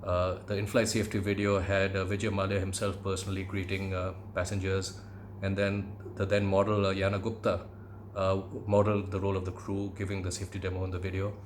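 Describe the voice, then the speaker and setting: A middle-aged man from India with an educated Indian English accent, reminiscing in a conversational monologue with measured, hesitant phrasing. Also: sits low, completely flat delivery, a little hiss or hum. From Calcutta, India. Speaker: podcast host, aviation commentator.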